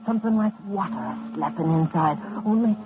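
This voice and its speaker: An actor playing a frightened young country lad in a 1940s-style radio drama, with a rustic, hushed, awed manner. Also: male voice, high-pitched, expressive, normal speed. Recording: tinny old radio broadcast with hiss.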